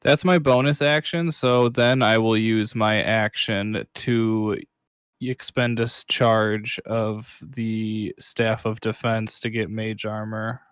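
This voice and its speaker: A man playing a tabletop game, thinking out loud methodically. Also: fairly low pitch, fairly even intonation, takes it slowly, clear, resonant tone, no echo, studio quality. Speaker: player.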